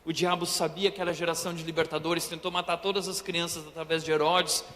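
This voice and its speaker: A man's voice: fairly high pitch, flat delivery, fast, bright, forceful tone, voice pushed down. A man impersonating a pompous conference preacher who declaims with rising grandeur, in a reverberant church hall. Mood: grandiose. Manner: declamatory, building to a climax.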